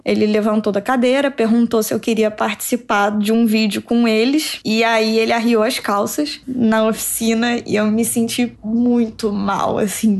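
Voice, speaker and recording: A young woman, an engineer, recounts a personal experience in conversation, speaking in an emotional, halting way with many fillers. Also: a little high, vocal fry, darkish tone. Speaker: engineer guest.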